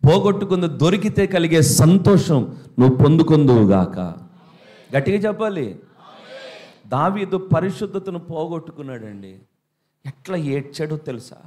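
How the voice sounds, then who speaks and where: A man with a Telugu accent preaches to his congregation in a high, ringing voice. He presses his points with emphatic repeated questions and rising appeals. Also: animated, moderate pace, long pauses, dark tone. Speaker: pastor. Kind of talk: sermon.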